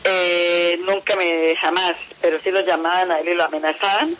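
A woman's voice: lowish voice, fairly even intonation, normal speed, noisy background. A middle-aged Colombian woman giving emotional testimony about her family, pleading and repeating herself. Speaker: interviewee, mother of a kidnapped son.

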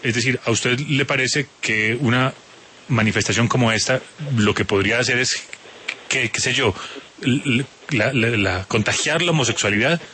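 Man, radio interviewer, pointed questions, bright sharp voice, faint hiss. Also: mid-range voice, moderate pace. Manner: pressing questions, stumbles over words.

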